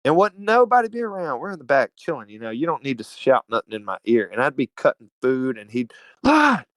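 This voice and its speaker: A man from Alabama with a Southern US accent, telling stories as a podcast guest in an animated, slangy, profane way. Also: medium pitch, fast, no echo. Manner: animated, slangy and profane, calls everyone dude. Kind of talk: casual storytelling chat.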